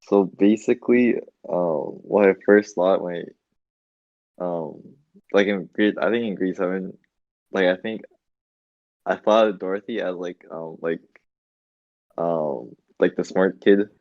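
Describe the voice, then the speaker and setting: A young man on a podcast, speaking hesitantly and shyly with many ums and pauses. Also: low voice, fairly even intonation, no echo, dull audio. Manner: hesitant, full of ums, shy. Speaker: podcast co-host. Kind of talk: casual chat among friends.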